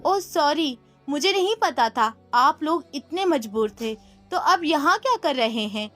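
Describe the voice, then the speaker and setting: A woman's voice: high voice, expressive, a bit bright, faint music behind. A woman voicing a hurt young mother who speaks coldly and accusingly, read out in a storybook. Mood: bitter. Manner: cold and accusing.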